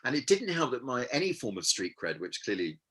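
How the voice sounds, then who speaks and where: A Hampshire man in his fifties, a guest in a casual interview, recounts childhood stories in a self-deprecating, halting way with many fillers. His mid-range voice is a bit bright and slightly rough, with big swings in pitch.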